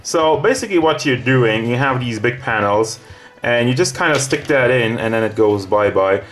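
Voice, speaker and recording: A man's voice: mid-range voice, lively intonation, moderate pace, fairly bright tone. Rambling casual male toy reviewer. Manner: rambling, casual, self-correcting. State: hot, sweaty and out of breath.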